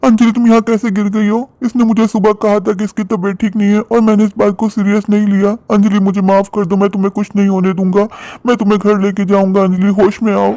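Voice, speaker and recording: A man's voice: a little high, fairly even intonation, fast, darkish tone, natural voice. A man voicing a stern young husband in a cartoon story, talking in a curt, lecturing way. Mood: alarmed.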